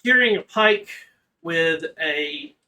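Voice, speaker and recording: High, bright-voiced man running a game. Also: lively intonation, rough recording. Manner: halting, describes with many fillers. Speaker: game master. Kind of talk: narrating a tabletop game.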